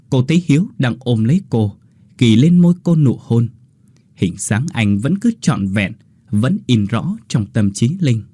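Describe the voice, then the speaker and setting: A man reading a ghost story aloud in an expressive, dramatic way. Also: mid-range voice, breathy edge, dry recording, clean studio sound. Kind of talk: scripted ghost-story narration.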